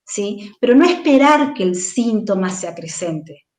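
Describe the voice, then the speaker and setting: A woman's voice: medium pitch, animated, a little slow, darkish tone, roomy sound. A woman with an Argentine Spanish accent, working as a speech therapist, patiently explaining in an interview and often checking in with listeners. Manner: patient, explanatory, tags points with "¿sí?".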